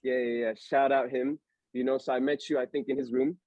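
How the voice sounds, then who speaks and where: Hosting a casual-chat podcast, a young man from Allentown, Pennsylvania rambles in slang with plenty of fillers. His medium-pitched, darkish voice stays fairly flat and runs a little fast, and the recording's highs are cut off.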